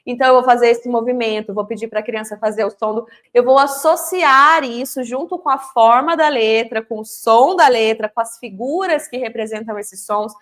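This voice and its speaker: A Brazilian woman in her thirties with a slightly raised pitch, giving a lesson on literacy. She explains step by step and sounds out each letter with emphasis as she demonstrates. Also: moderate pace, hardly any pauses, fairly bright tone. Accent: Brazilian Portuguese. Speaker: literacy teacher. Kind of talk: instructional explanation.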